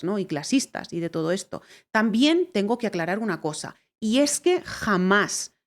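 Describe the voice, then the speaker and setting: A woman from Spain with a Spanish accent, hosting a reaction video in chatty, emphatic casual talk full of fillers. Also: mid-range voice. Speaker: reaction channel host. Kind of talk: casual chat.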